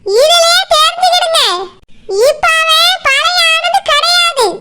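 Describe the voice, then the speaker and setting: Cartoon mother-in-law, nagging Tirunelveli village matriarch, very high and bright, done by a woman. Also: steady tone, measured pace, full character voice. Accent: Tirunelveli Tamil. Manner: nagging, complaining.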